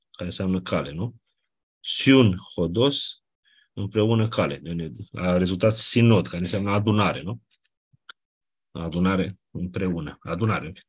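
Male teacher, lowish husky voice, patient lecturing delivery. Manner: explanatory, checks understanding with "nu?". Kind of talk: classroom lecture.

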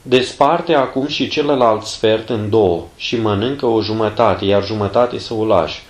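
A stern yet fatherly older abbot from a storybook gives measured, admonishing counsel, as a male reader voices him. The voice is low and rings in an echoing room. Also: close to an everyday voice.

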